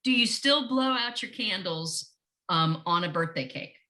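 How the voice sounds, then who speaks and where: Woman, podcast co-host, bright voice, lively swinging pitch, bubbly, laughs a lot, video call. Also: a little slow. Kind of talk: casual interview chat.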